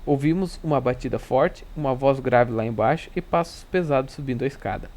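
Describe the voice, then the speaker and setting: Measured male reader. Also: medium pitch, a little mellow. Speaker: teacher reading a novel aloud. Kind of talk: audiobook narration of a classic novel.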